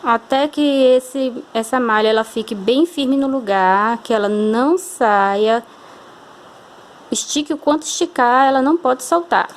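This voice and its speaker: A Brazilian woman with a fairly high voice and a Brazilian Portuguese accent teaches a hand-sewing craft at an unhurried pace. She patiently goes step by step, often checking in with the viewer.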